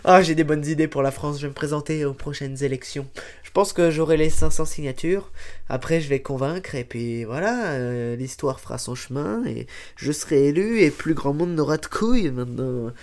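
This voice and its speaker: A man's voice: a little high, moderate pace, a little mellow. Rambling French man joking as host. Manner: jokey, laughs a lot, crude asides and silly voices. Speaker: show host introducing music. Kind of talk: rambling comic monologue.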